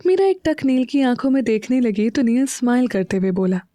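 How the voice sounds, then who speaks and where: Audio-story narrator: a woman with a warm, slightly high voice, unhurried and dry close-miked. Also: dry recording. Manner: slow, even storytelling delivery.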